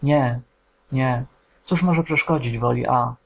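A male narrator voicing a young woman medium in a trance, speaking in a flat, toneless, distant way. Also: medium pitch, slow, gravelly. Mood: entranced.

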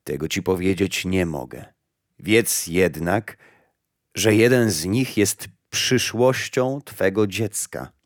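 A man reading the part of Death, a grim and solemn female keeper of a garden of souls, speaks in a low, hushed storybook voice. Every word comes out grave and measured. The recording is close and dry. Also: dry recording.

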